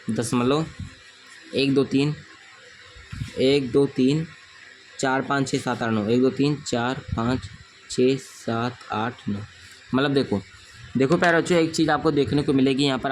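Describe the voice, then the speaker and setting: A man's voice: medium pitch, slight background noise. A young man teaching a school math lesson, who keeps checking "okay?" and calls his students dear children. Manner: repeats "thik na" often, addresses students as dear children.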